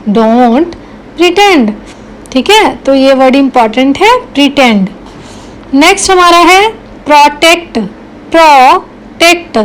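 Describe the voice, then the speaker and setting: A woman gives a spoken English lesson. Her voice sits high, and she moves at an unhurried, measured pace. There is faint noise in the room behind her. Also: poor audio. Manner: slow, repeats example sentences word by word; asks the learner questions, then answers them herself. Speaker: English teacher.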